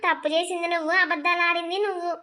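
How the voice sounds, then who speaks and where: A woman's voice: very high voice, flat delivery, rapid-fire, sharp tone. A woman voicing a shamed, angry middle-aged village mother who scolds her son in a cartoon. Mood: scolding. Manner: scolding, reproachful. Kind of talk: cartoon voice acting.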